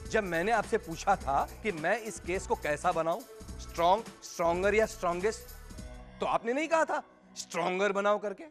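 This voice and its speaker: A man's voice: high voice, lively intonation, moderate pace, soft background music. An actor playing a pushy, self-important male activist with an emphatic, rallying way of speaking. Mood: zealous. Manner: emphatic, rallying, slogan-shouting. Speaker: activist for a men's rights group. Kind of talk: sitcom acting.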